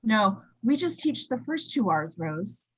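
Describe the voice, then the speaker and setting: A woman reading a dry, sardonic schoolteacher with a husky voice in an amateur sitcom table read. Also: on the high side, unhurried, heavily acted. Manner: dry, deadpan.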